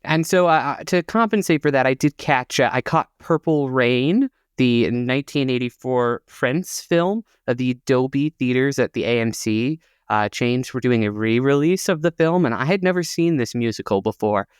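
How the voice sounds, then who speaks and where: A man's voice: mid-range voice, normal speed, hardly any pauses, smooth, no echo, studio quality. A man co-hosting a theater podcast, chatting casually and reading out show listings with frequent "uh" fillers. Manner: informative, reads out listings with many "uh" fillers. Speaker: podcast co-host.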